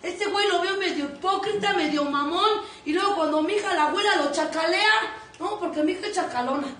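A woman with a Mexican accent giving a blunt, profane testimony as a recovery group sponsor, often breaking into shouts. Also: extremely high pitch, brisk. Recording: echoey room, distant mic, faint noise.

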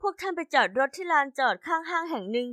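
A woman reading a first-person animated life story in an even, steady way. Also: very high-pitched, quick pace, dry recording, studio quality. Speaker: narrator voicing all characters. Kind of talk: scripted storybook narration.

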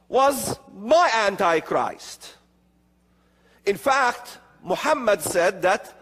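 High-voiced man lecturing in a hall. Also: a bit bright. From Middle East. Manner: slow emphatic delivery with gestures. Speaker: conference speaker. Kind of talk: prophecy conference lecture. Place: large hall with seated audience. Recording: long hall reverb.

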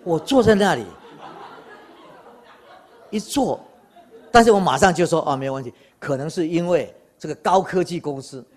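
An older man giving a public science lecture, telling anecdotes with animated quoted dialogue and laughter. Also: a little high, normal speed, long pauses. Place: lecture hall.

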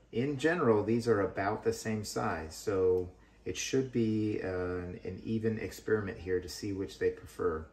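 A man's voice: fairly low pitch, darkish tone, echoey room. A man hosting a hobby video, casually explaining what he finds while digging through a worm bin with his hands. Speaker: worm farming channel host.

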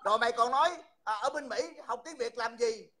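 A man's voice: very high-pitched, brisk, sharp tone. A man, hosting a livestream and mockingly insulting someone over and over. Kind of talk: heated livestream taunting.

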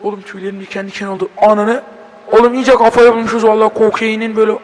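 Young turkish guy playing a horror game, high voice, swearing a lot, long echo on it. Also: level tone, rapid-fire. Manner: swearing, joking, bursts of panicked shouting. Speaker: gaming video host. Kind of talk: horror game let's play commentary.

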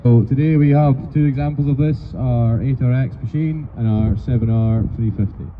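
A man's voice: medium pitch, moderate pace. Man presenting through thin phone-like PA. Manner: formal, explanatory. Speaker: machinery company presenter. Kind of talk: outdoor product presentation. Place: outdoors at an agricultural show. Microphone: handheld microphone through speaker, filmed from afar. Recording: thin phone-like PA sound, faint outdoor noise.

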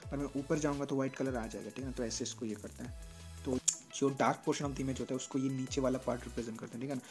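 A man walks through photo edits in a quick, casual tutorial, talking fast in a flat, even tone. He keeps checking in with the listener as he goes, with soft music playing underneath. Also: medium pitch. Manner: explains step by step, often checks in with "theek hai na". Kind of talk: casual screen-recorded tutorial.

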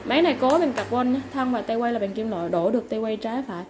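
A woman seller giving a polite, informal product sales pitch, going item by item with repeated stock phrases. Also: fast talker. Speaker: online seller of used fishing reels. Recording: clearly noisy background ambience.

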